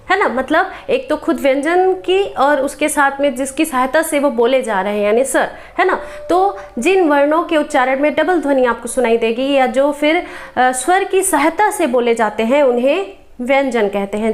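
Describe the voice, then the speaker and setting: A woman teaching an exam-prep grammar lesson, patiently repeating each point and checking in with her listeners. She asks questions and then answers them herself. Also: high-pitched.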